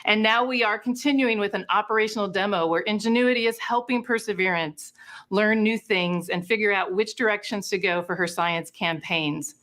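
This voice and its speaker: A woman's voice: mid-range voice, normal speed, a bit bright. A woman presenting a science mission update in an explanatory, upbeat manner. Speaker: space mission team member.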